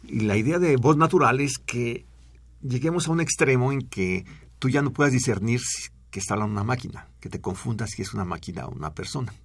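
A man's voice: mid-range voice, lively intonation, brisk, slightly rough. A middle-aged man, a researcher explaining speech technology in a radio studio at length, with fillers and restarts.

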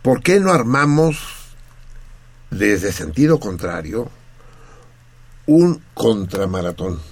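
Low, gravelly Mexican man. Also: slow pace, no room sound. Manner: profane, lively explaining to listeners. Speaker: radio host. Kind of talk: casual radio talk.

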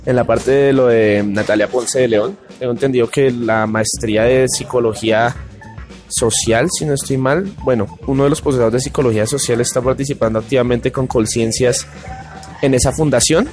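Young man, mid-pitched voice, casual tentative interview answer, soft music. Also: steady tone, moderate pace. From Colombia. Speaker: psychology graduate.

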